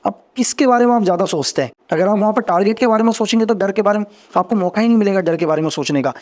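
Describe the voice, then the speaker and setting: A middle-aged man, once an agent, tells his story as a guest on a casual podcast interview. His voice sits high with a darkish tone, and he talks fast and earnestly, repeating phrases and building energy as he explains.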